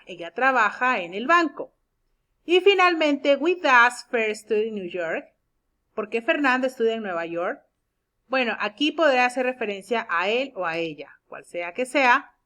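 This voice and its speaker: A woman teaching an English grammar lesson, explaining step by step and reading example sentences slowly and clearly. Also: fairly high pitch, sharp tone. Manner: explains step by step, checks with "¿de acuerdo?".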